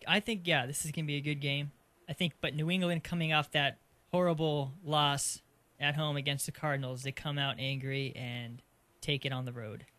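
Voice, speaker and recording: Easygoing man with a higher voice. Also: little pitch movement, moderate pace, sharp tone, dry recording. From Arizona. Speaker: podcast co-host. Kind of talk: casual sports picks chat.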